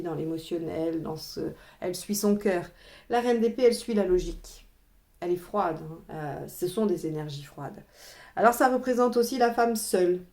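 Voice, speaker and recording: Mellow-voiced woman giving a tarot reading. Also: fairly low pitch. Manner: chatty, addresses viewers directly, frequent "hein" asides. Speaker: tarot reader. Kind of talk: casual tarot reading to viewers.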